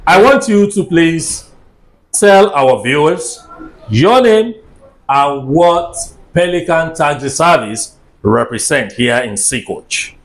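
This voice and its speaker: A man with a West African English accent hosting an on-location travel interview. He keeps the talk lively and repeats his guests' answers back to them. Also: on the high side, slow, echoey room. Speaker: travel vlogger interviewing staff. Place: indoor restaurant and office.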